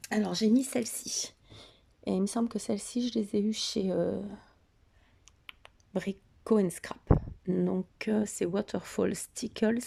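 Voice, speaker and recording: A woman casually showing her scrapbook album, hesitant and full of fillers, often dropping into a soft half-whisper. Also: mid-range voice, vocal fry, noisy background. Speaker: scrapbooking vlogger. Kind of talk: casual craft show-and-tell.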